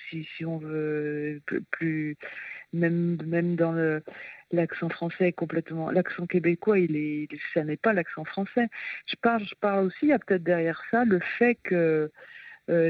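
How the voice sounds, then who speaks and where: A woman linguist, a guest on a radio interview, giving thoughtful, halting explanations over the phone. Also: on the low side, no echo, far from the mic. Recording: tinny phone line.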